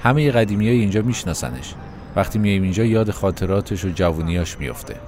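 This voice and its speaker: A man's voice: sits low, expressive, background noise. A man voicing a friendly, chatty middle-aged male taxi driver in a storybook reading. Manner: easygoing, chatty.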